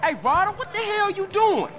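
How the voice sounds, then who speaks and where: Animated, exasperated young American gangster. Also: male voice, very high-pitched, normal speed. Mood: alarmed, exasperated. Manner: slangy, exasperated. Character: young male street gangster, exasperated but loyal. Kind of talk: video game acting. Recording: loud game street noise.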